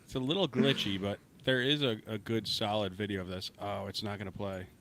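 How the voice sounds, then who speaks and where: A man's voice: on the low side, brisk, background noise. A man co-hosting a podcast, telling a story in casual banter and acting out quotes. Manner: lively storyteller, acts out quotes. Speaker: podcast co-host.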